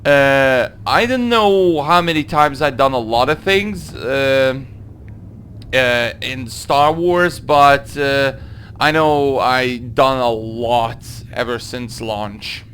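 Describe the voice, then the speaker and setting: A young man from Hungary with a Hungarian accent, answering viewer questions in a casual gaming Q&A, halting through his English with many fillers. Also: medium pitch, fairly bright tone, slight background noise. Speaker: gaming video creator. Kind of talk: casual Q&A monologue.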